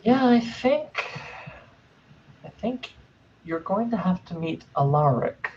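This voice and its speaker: A game master voicing a creepy, sly hunchback with an oily, slow, theatrical way of talking. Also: medium pitch, very animated, darkish tone, recorded from a distance, muffled recording, slight background noise. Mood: sly, probing.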